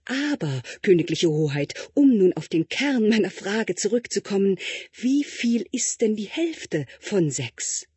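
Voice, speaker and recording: A man voicing an anxious, fawning royal tutor who flatters and speaks slowly and high. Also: breathy edge, dry recording, heavily acted. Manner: obsequious, flattering, high and drawn-out.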